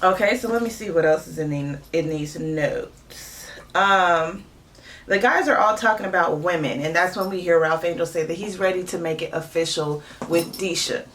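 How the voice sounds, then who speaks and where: A woman's voice: lowish voice, moderate pace, slight background noise. Chatty woman reviewing TV, mic a bit distant. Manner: chatty and animated, many "you know" fillers; opinionated, exasperated asides. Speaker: TV show reviewer. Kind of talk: casual review vlog.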